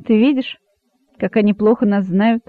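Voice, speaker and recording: A man reading an audiobook, voicing a wise, sad old rabbit who speaks calmly and gravely. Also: sits high, no echo, close to an everyday voice. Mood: stern. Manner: calm, grave, measured. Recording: dry, narrow phone-like sound.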